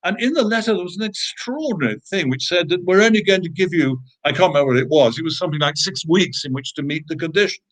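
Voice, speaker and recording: A man's voice: fairly high pitch, animated, fast, hardly any pauses, a bit bright. A British man, a guest in an interview, telling a story in a conversational way: emphatic, with frequent fillers and restarts.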